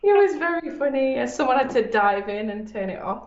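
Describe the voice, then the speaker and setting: A woman's voice: a little high, expressive, fairly quick. A woman co-hosting a crafting show, telling playful, self-mocking stories over a video call. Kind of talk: casual chat while crafting. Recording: roomy, muffled sound with faint noise.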